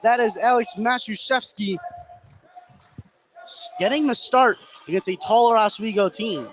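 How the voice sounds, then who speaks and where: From courtside in an indoor basketball gym, a high-pitched man delivers live play-by-play a little slowly as the announcer. The recording picks up noisy gym ambience, game sounds, and a ball bouncing.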